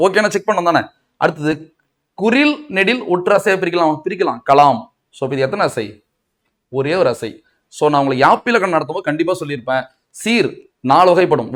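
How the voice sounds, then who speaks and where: Tamil Nadu male tutor, high voice, quizzes himself through each point. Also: a bit bright. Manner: asks and answers his own questions, mixing in English words. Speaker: Tamil grammar teacher. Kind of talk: exam coaching lecture.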